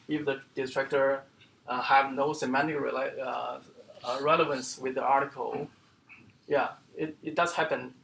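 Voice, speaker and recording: A man giving an academic seminar lecture as the speaker, explaining in a halting way with many fillers and restarts. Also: mid-range voice, creaky, a bit bright, a little hiss or hum. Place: lecture room.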